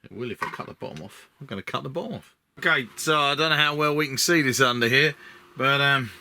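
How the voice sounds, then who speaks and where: A man's voice: medium pitch, quick pace, bright, forceful tone, slight background noise. A man with an Essex accent talking casually through a model build, rambling as he thinks aloud. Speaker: hobby model-building video maker.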